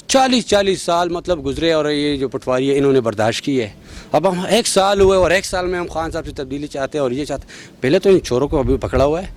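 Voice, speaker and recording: Fervent man speaking at a street interview. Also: on the high side. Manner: passionate, emphatic, rising to loud peaks. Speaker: street interviewee, party worker. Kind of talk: street vox pop interview.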